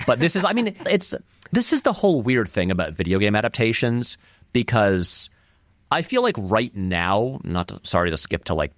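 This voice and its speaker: This interview guest, a filmmaker and video essayist, is very animated as he chats casually about film, rambling while he thinks and emphasizing key words. He speaks at a moderate pace in a fairly low voice, captured at studio quality with no room sound.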